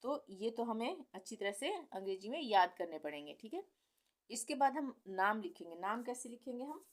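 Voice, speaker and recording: A woman teaching the alphabet in a slow, patient way, spelling out sounds and repeating each one. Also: a little high, big pitch swings. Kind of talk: Hindi alphabet lesson at a board.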